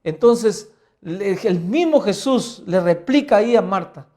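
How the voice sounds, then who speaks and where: A male pastor teaching a Bible lesson in the style of a sermon. He keeps asking the listener rhetorical questions and swings between quiet and loud emphasis. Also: sits high, animated, a little slow.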